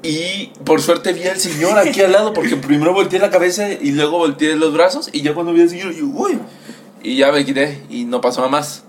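A young man with a Mexican Spanish accent telling a crude story in casual chat, animated and acting out voices. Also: on the high side, a little fast, few pauses. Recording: faint background noise.

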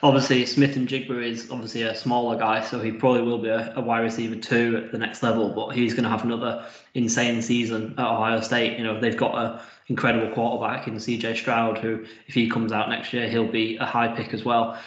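A man chatting casually on a sports podcast, quick and full of fillers and restarts. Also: medium pitch, flat delivery. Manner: quick, filler-heavy analysis with many restarts. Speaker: podcast guest. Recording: dull roomy lo-fi audio.

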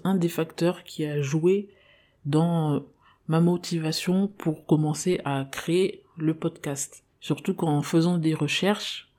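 A woman's voice: on the low side, mellow. A young woman, a podcast host of Congolese descent, talking earnestly in a personal monologue with frequent hesitations.

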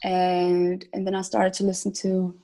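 A woman's voice: lowish voice, completely flat delivery, normal speed, warm tone, rough recording. Hesitant young woman from Switzerland. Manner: hesitant, many ums, laughs between thoughts. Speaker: singer, podcast guest. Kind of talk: casual interview answers.

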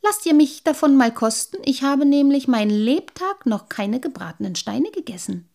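A woman's voice: sits high, expressive, moderate pace, gravelly, a little mellow, pitched above the performer's own voice. A woman voicing a small, stubborn male water sprite who asks eager, wondering questions in an audiobook. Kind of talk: audiobook character reading.

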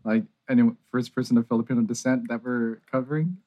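A man co-hosting a podcast in casual chat, presenting a relaxed, explanatory rundown. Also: mid-range voice, quick pace.

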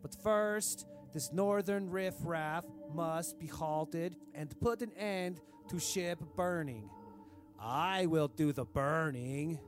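An actor playing a cruel, pompous dictator king who speaks in broken, grand formal sentences. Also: a little high. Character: cruel pompous self-adoring dictator king, adult man. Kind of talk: comedic audio diary reading. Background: music.

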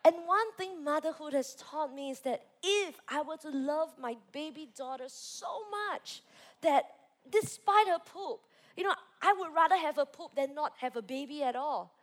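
Animated high-voiced woman preaching. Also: moderate pace. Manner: animated storytelling, acting out her own reactions. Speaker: youth pastor. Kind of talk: sermon with personal story.

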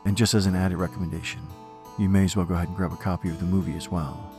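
A man hosting a horror show, delivering scripted narration in a theatrical, deliberate way. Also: low-pitched, fairly even intonation, a little mellow, faint music behind. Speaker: horror podcast host.

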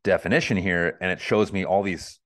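A man in his thirties co-hosting a podcast, chatting casually in a relaxed, rambling way. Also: low-pitched, brisk. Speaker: podcast co-host. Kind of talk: casual chat.

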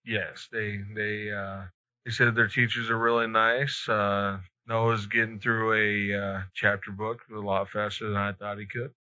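A man with a lowish, level voice speaks at a measured pace, pushed and bright, while casually chatting as a podcast host. His phrasing is hesitant and easygoing. The audio is lo-fi and slightly muffled.

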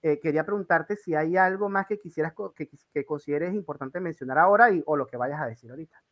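A Venezuelan interview host chats casually, telling meandering stories stuffed with fillers. He talks quickly in a slightly high voice, and the audio sounds dull.

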